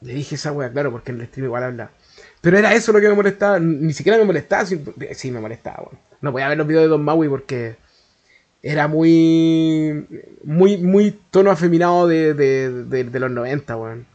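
A man's voice: a little high, fairly quick, darkish tone, lo-fi sound. A man with a Chilean accent telling a story in a casual, slangy, profane way that rambles along. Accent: Chilean Spanish. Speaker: YouTuber.

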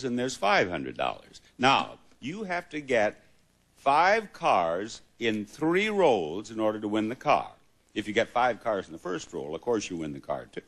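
A man hosting a game show before a live audience, with courtly, deliberate phrasing. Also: mid-range voice. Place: television studio with live audience. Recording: loud music and studio audience behind.

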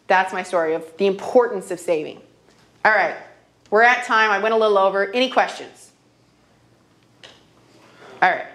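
A woman's voice: mid-range voice, a bit bright. A woman in her thirties teaching a classroom money workshop, telling stories and checking in with "okay?" again and again. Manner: storytelling, checks in with frequent "okay?". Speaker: financial literacy trainer.

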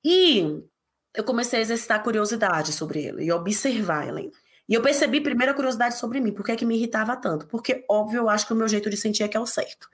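A woman guest in a casual podcast conversation, telling stories quickly and acting out quotes. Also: fairly high pitch. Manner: animated, quick storytelling with acted quotes.

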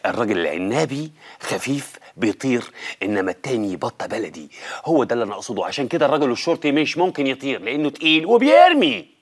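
A pompous TV expert with an Egyptian accent. He lectures in a lively, swooping voice at a brisk pace and dodges questions. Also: medium pitch. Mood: lecturing. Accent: Egyptian Arabic. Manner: pompous, evasive. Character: pompous talk-show expert doctor. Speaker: actor. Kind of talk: TV comedy series acting.

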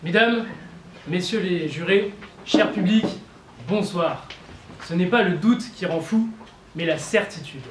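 A young male student giving an eloquence-contest speech, addressing the jury in a playful, theatrical way with dramatic pauses. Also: sits high, a little hiss or hum. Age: young adult. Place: university lecture hall. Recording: roomy hall with faint ambience.

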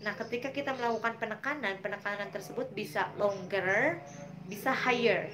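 A woman's voice: medium pitch, moderate pace, music in the background. A woman English teacher with an Indonesian accent, explaining grammar and pronunciation in an online class and patiently repeating English example words.

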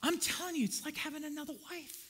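In a church with a crowd audible in the background, a male pastor delivers a sermon in a very high voice, fast and with a steady tone. He moves between shouting and hushed asides, often questioning and joking with the congregation.

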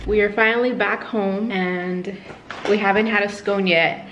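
A woman's voice: medium pitch, measured pace, highs cut off, a little hiss or hum. Chatty woman vlogging in a roomy space. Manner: chatty and excitable, uses "dude" and "like". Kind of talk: casual vlog chat. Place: car, then at home indoors. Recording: roomy with faint background ambience.

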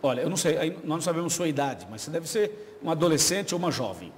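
Speaking fast and expressively in a slightly high voice, a Brazilian Portuguese-accented man who is a pastor fields viewer questions on a live video chat. He is warm, chatty and explanatory, and he laughs easily, recorded in a reverberant studio with faint background sound.

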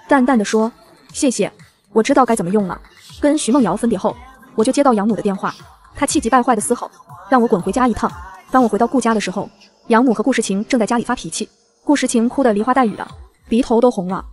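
A woman's voice: on the high side, darkish tone. A woman narrating a first-person web novel aloud, in a cool, sardonic tone. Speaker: audiobook narrator.

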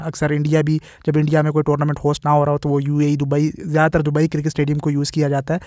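A man in his thirties giving chatty, quick cricket vlog commentary outdoors at a stadium, filmed on a handheld phone. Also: fairly high pitch, darkish tone, dry recording, clean studio sound. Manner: fast, chatty, mixes English words. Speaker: cricket vlogger.

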